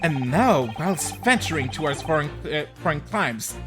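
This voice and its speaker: A woman's voice: deep voice, expressive, moderate pace, over music, voice pushed down. A woman voicing an eccentric, pompous male detective with grandiose, formal pronouncements in an amateur game dub. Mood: theatrical, self-assured.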